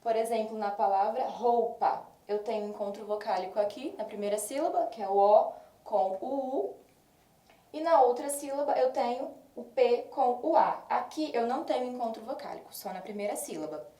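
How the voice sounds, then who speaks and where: Echoey woman teacher explaining slowly. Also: on the high side, dark tone, distant mic. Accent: Brazilian Portuguese. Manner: slow, deliberate stressing of example words. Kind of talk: recorded online grammar lesson. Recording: echoey room, voice off-mic.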